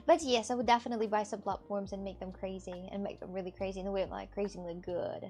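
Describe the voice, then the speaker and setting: A woman in her twenties streams a casual chat answering her viewers, rambling, giggling often, and swearing freely. Her medium-pitched voice is warm and steady, and she talks fast over soft background music.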